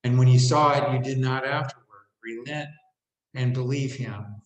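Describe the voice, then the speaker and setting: Man reading scripture in a roomy echo. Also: medium pitch. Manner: steady, measured reading with brief asides. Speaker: scripture reader. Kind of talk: plain Bible reading aloud.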